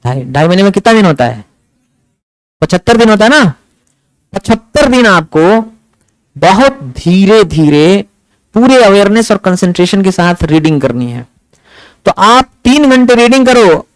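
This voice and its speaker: A man teaching English to a class, lecturing in a lively way and often asking the students questions. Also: high voice, smooth, no room sound, poor audio. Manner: animated, asks the class questions.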